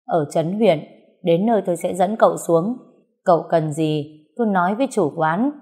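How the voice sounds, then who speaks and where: A woman's voice: lowish voice, normal speed, breathy edge. A woman reading a sullen male henchman. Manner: flat, grudging.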